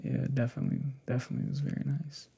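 In a casual, intimate ASMR roleplay, a young man speaks softly and hesitantly, halting as he goes, close to a desktop condenser mic with a pop filter. His mid-range voice is level in tone, gravelly, and breathy. He is indoors in a small home setup with a fabric backdrop.

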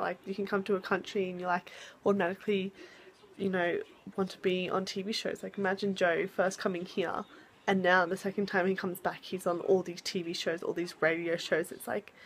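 A woman's voice: medium pitch, slight background noise. A young Australian woman talking casually to her viewers in a rambling vlog, with lots of fillers. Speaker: vlogger.

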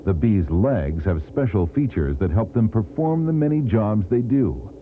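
A man narrating an educational documentary in a clear, teacherly way, heard from a worn VHS tape copy. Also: on the low side, lively intonation, measured pace, a little hiss or hum. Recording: thin, tinny worn VHS tape with music. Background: music score.

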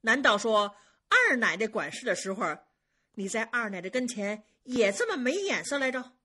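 A woman storyteller voicing a sharp-tongued young female head maid who scolds the servants briskly and commandingly. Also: medium pitch, sing-song, breathy edge, heavily acted. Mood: scolding.

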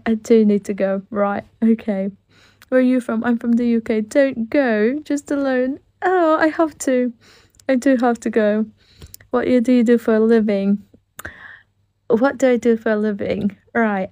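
A young Filipina live streamer talks warmly, slowly and easily in a slightly high voice, giggling and gushing her thanks to viewers. It's casual comment-reading chat from an indoor room, recorded on a phone held close at arm's length.

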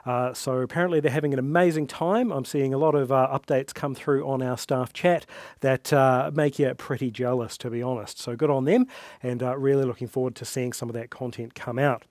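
A man, hosting a casual company update in a relaxed way, with lots of "uh" fillers, on a headset mic. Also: medium pitch, a little fast, no room sound. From New Zealand. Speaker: host. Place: studio workshop set, then at a desk.

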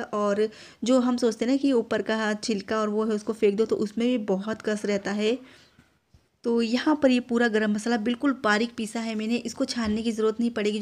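Woman, homely voice-over narration for a family vlog, steady and monotone. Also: a little high. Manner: flat, homely, explaining step by step. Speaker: vlogger. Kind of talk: home cooking voice-over narration. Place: home at night, recorded separately as voice-over.

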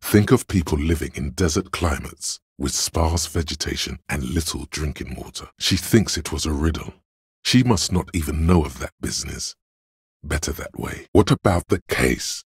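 In scripted game narration, a voice actor gives full character voice to the cool, logical inner voice, animated yet analytical and composed. The male voice is a deep, heavily husky, gravelly bass edged with crackling fry, delivered in a measured, matter-of-fact way that reasons deliberately. The studio-quality recording is dry.

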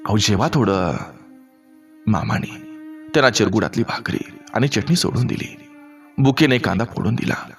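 A man narrating a village story in a measured, descriptive way. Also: mid-range voice, faint music behind.

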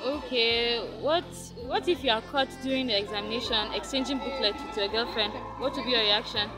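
A woman doing outdoor vox pop interviews on campus, asking quick direct questions into a handheld phone. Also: a little high, over music.

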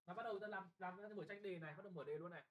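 A young man tutoring a class for an exam, brisk and bossy, often checking whether students follow and scolding them bluntly. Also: sits high, rough recording. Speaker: English tutor.

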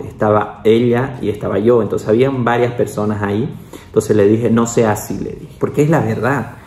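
A man's voice: vocal fry, a little mellow. A young adult man, a doctor, telling a personal story in a casual vlog, chatty, with many little asides. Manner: chatty, peppers speech with "¿no?" and "o sea"; acts out quoted voices, with the pitch jumping up. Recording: roomy echo.

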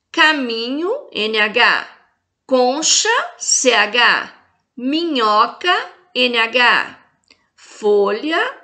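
Brazilian woman teacher for a kids' video lesson: fairly high, bright voice, careful spelling of each letter. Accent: Brazilian Portuguese. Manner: spells out letters and stresses each word for the children. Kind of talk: slow video lesson for young children.

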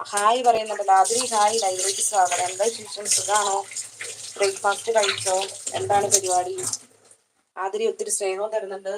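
A woman's voice: medium pitch, noisy background. A woman hosting a casual live stream from her kitchen, chatting and greeting viewers by name as she reads their comments. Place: home kitchen.

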